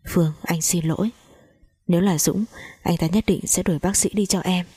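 Protective young man, soothing, urging calm, dark husky tone, voiced by a woman. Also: lowish voice, normal speed, no echo. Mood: urgent.

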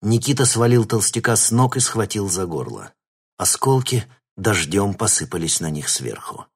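A man reading an audiobook in steady, scripted narration. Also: on the low side, normal speed, husky. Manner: steady storytelling.

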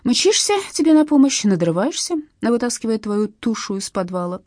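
A woman voicing a bossy, sharp-tongued young woman who scolds and mocks her friend in an audiobook story. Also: on the high side, sing-song, moderate pace, no echo, clean studio sound, voice pushed up. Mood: mocking. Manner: scolding and mocking.

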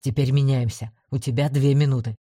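Brief: woman doing a gruff commander, low and curt, barking orders, storybook reading. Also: fairly even intonation, fairly quick, warm tone, no room sound, clean studio sound.

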